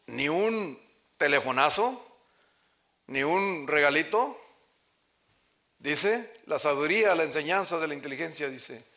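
A male pastor preaches with passion. His bright, forceful voice leaps to loud cries and drops to low murmurs. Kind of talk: sermon. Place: church sanctuary.

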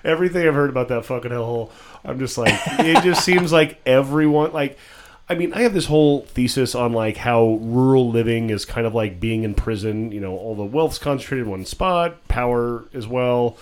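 A man's voice: medium pitch, normal speed. A man co-hosting a casual chat, wry and opinionated, with plenty of swearing.

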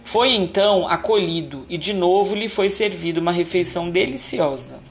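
A woman reading a children's fairy tale aloud in an expressive, unhurried storytelling manner. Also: on the low side, vocal fry, a little hiss or hum.

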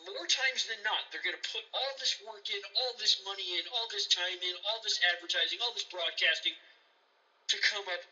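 A man's voice: sits high, brisk, pushed and bright, distant mic, lo-fi sound. A man co-hosting a podcast, delivering an emphatic, profane, preachy rant about sports. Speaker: podcast co-host.

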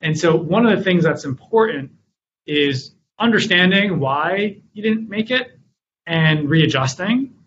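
A man talks through business lessons in an interview, and his voice sits a little high for a man. The sound is muffled and lo-fi, with a faint hiss underneath. He tells stories from his work and acts out his own past lines. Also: animated, measured pace, a bit bright. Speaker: guest, company founder and author. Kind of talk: interview answers.

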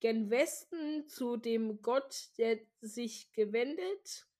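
A woman reading as a slow solemn oracle. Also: on the high side, a little mellow. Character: raspy mist oracle voiced by ghostly card players.

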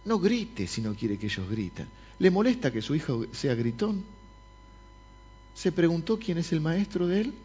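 A man's voice: fairly high pitch, very animated, moderate pace, warm tone, husky, muffled recording. A man with a Rioplatense accent preaching a sermon, speaking directly to his congregation. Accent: Rioplatense Spanish. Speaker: pastor. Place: church service.

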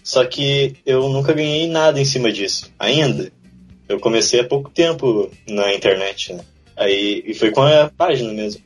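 A young man from southern Brazil, an illustrator guest on a podcast, relaxed and modest as he chats and laughs easily. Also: medium pitch, moderate pace, soft background music. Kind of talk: casual interview chat.

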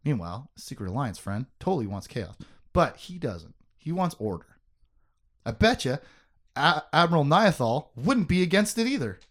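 A man's voice: fairly high pitch, big pitch swings, moderate pace, a bit bright. A man hosting a podcast, recapping a book in casual chat, joking, laughing often and swearing.

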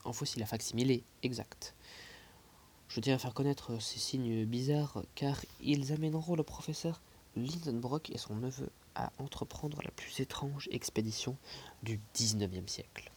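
A man reading a classic novel aloud, expressive, dropping into soft whispered passages and adding small asides. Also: medium pitch, moderate pace, a little hiss or hum. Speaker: audiobook reader.

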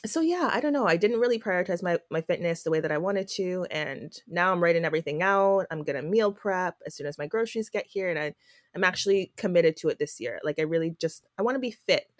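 Low-voiced young woman, relaxed chat. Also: fast talker, dry recording, clean studio sound. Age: young adult. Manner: relaxed, supportive, chatty. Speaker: podcast co-host. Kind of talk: casual chat.

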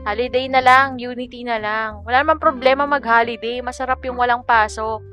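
A woman's voice: on the high side, fairly even intonation, a little fast, lo-fi sound. A talkative woman from the Philippines hosts her own podcast in a loose, conversational tone. She rants with exasperated energy, jumping between thoughts as if talking to friends, with faint music under her voice. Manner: chatty, exasperated ranting. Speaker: podcast host. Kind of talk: casual podcast chat in Taglish.

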